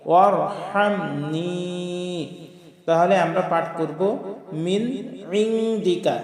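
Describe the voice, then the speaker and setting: Male recitation teacher, slightly high voice, drawn-out chanting, long hall echo. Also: a little mellow. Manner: chants prayer words slowly, then explains pronunciation. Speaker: religious teacher. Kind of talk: recitation lesson. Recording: echoey hall with faint music.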